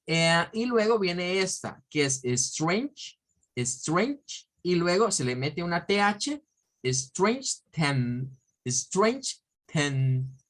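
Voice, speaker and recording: A man's voice: fairly high pitch, fairly bright tone. Brief Male teacher, patient, stretches out and repeats example words. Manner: slow, drawn-out model words repeated several times; explanatory, often checking with "¿verdad?". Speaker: English teacher. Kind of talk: pronunciation lesson.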